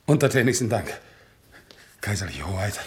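An actor playing a crippled, devout war veteran on crutches who speaks in an earnest, excitable, stiffly dutiful way, in a 1960s radio drama. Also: male voice, fairly low pitch, moderate pace, noisy background. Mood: zealous.

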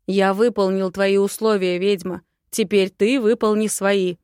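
A woman's voice: mid-range voice, fairly even intonation, measured pace, smooth, no room sound, clean studio sound, close to an everyday voice. A woman voicing an angry young dragon prince who growls his lines. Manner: growling, forceful outbursts.

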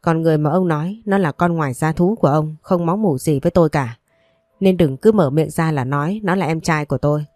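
A woman's voice: deep voice, brisk, darkish tone, no room sound, clean studio sound, natural voice. A woman voicing a headstrong young woman in a storybook reading, speaking bluntly and coldly. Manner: blunt, cold toward her father. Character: headstrong young woman, grief-stricken granddaughter.

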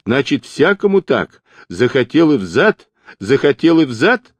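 A man voicing a cocky curly-haired young male partisan who mumbles gossip in a quick patter, in an audiobook. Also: big pitch swings, dry recording. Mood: shrill outrage. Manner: mumbling patter, rising to shrill shouts.

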